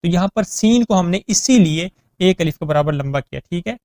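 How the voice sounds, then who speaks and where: A man teaching Quran recitation, explaining reading rules in plain talk, spelling out letters syllable by syllable and reciting verses slowly and melodiously. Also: high voice, animated, a little mellow, dry recording, clean studio sound. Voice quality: smooth, clear voice.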